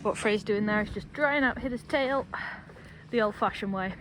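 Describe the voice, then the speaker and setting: Young woman, casual vlogger, chatty and rambling with jokey asides, mid-pitched, noisy outdoor phone audio. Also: normal speed. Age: young adult. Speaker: vlogger at a horse yard. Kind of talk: casual vlog narration. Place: outdoor stable yard. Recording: outdoor background noise.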